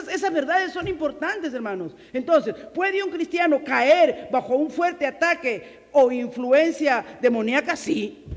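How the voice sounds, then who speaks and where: A woman preacher giving an emphatic sermon, full of rhetorical questions and swings from loud to quiet. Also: high-pitched, in a large hall.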